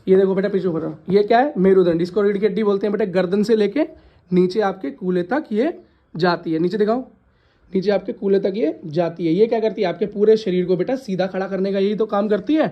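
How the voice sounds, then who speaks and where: Speaking fast at a medium pitch, a science teacher quizzes her class and has the students repeat the answers back to her. She addresses them as "beta" and tells off anyone laughing. The recording has its highs cut off.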